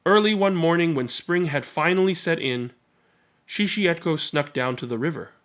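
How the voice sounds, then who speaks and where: This male channel host reads storybooks to children and adds relaxed commentary along the way. He speaks at normal speed in a somewhat high, slightly bright voice.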